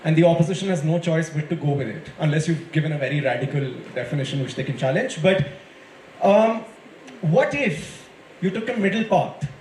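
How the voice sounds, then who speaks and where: A man's voice: on the high side, expressive, a little fast, darkish tone. A man with an Indian accent, judging a debate and giving students encouraging, conversational feedback in an impromptu speech. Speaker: debate judge. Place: indoor school event space with audience. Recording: echoey hall, faint crowd and noise.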